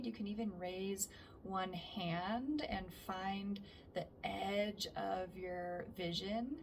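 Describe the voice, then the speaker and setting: A woman instructor leading a calm grounding exercise, speaking gently and letting phrases trail off softly. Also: mid-range voice, creaky. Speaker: somatic practice instructor. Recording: distant mic with faint background noise.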